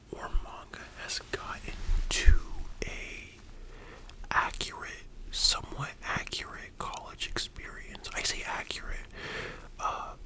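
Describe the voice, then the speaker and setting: A soft, breathy library whisper carries this ASMR whispered role-play. The speaker plays a librarian and rambles informally through personal opinions, staying almost entirely unvoiced. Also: rough recording. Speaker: ASMR performer.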